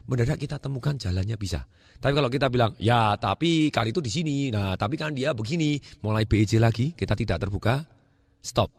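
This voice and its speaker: A middle-aged Indonesian man giving a motivational talk, animated, repeating words for emphasis and acting out dialogue. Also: fairly low pitch, husky, dry recording, clean studio sound. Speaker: motivational speaker.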